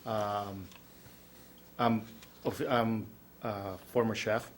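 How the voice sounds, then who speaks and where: A man from Chile, introducing himself at a council meeting in a halting way, with many fillers and restarts. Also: fairly low pitch, fairly even intonation, slight background noise. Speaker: restaurant owner applying for a license. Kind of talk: nervous self-introduction at a public meeting. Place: council chamber.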